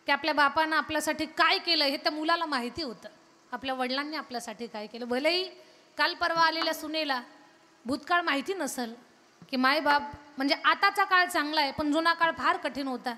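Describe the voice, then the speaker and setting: A woman's voice: high-pitched, fairly quick, sharp tone. A woman kirtan preacher telling a devotional story with emphatic, rhythmic strings of phrases, at a live event in a large temple hall. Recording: long hall reverb from a PA.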